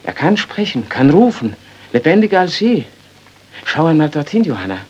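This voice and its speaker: A man's voice: a little high, sing-song, moderate pace, a little mellow, breathy edge. An actor playing a guilt-haunted male doctor, intense and brooding, in 1930s radio-drama acting. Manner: intense, brooding, rising to outbursts. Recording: dull 1930s radio recording.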